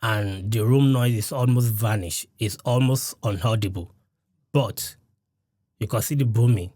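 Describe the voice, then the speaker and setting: A man testing a studio condenser microphone up close, calmly explaining each setting step by step. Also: fairly low pitch, a little slow, no echo. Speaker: gear reviewer. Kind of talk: mic test demonstration. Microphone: studio condenser mic close up.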